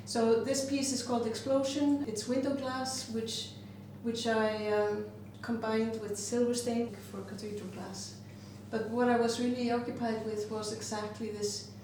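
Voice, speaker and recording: A woman's voice: on the high side, little pitch movement, measured pace, hardly any pauses. A woman, a glass artist presenting her work in a reflective way, often stopping to search for words. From Iceland. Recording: very roomy, distant mic, noisy background.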